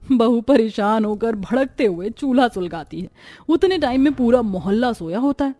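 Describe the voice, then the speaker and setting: A woman reading a scripted family story in a lively, dramatic narrating voice. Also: fairly high pitch, moderate pace, dry recording, faint music behind.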